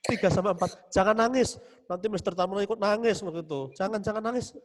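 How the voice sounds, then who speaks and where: A man's voice: sits high, quick pace. A male religion teacher giving an online class to young pupils over a video call, patient and soothing, dictating and repeating "ya" often. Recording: roomy, long reverb.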